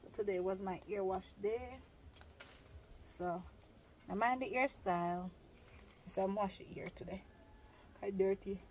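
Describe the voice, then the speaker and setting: Speaking at a measured pace with frequent pauses, a young vlogger with a darkish, mid-range voice chats casually to her cooking-vlog viewers while eating. She records herself on a phone held at arm's length outdoors, under a tin-roofed shed in a yard, with slight background noise.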